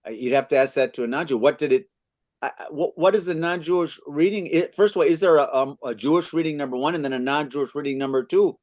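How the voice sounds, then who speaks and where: A man's voice: a little high, fast talker, a little mellow. A man in his fifties from the United States, hosting a book club and answering questions thoughtfully, with frequent restarts. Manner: reads excerpts aloud. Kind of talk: literary discussion, answering questions.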